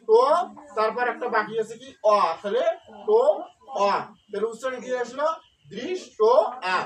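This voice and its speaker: A man's voice: extremely high pitch, a bit bright. A man teaching scripture recitation, breaking words into syllables and patiently quizzing his listeners with rhetorical questions. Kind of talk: syllable-by-syllable pronunciation lesson. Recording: distant mic with faint background noise.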